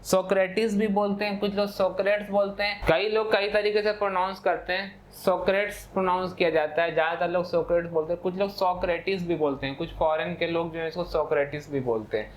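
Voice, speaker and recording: A man's voice: high voice, steady tone, fast talker, few pauses. A man teaching a math class, explaining step by step in a patient lecture style, often checking in with "okay" and switching into for key terms. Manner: explanatory, repeats "ठीक है" often, mixes English terms in.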